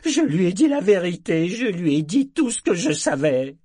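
A broken male prisoner pleads through tears, his voice pushed high and loud and stretched out slowly, as a man reading a story puts him on. It comes across as desperate, wailing begging in a storybook reading. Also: very animated, breathy edge, dry recording, clean studio sound, full character voice. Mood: sobbing pleading.

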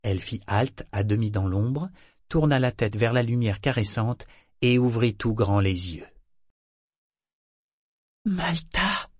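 A man narrating a novel in a measured, steady storytelling voice. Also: on the low side, dry recording, studio quality. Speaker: audiobook narrator. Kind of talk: scripted narration.

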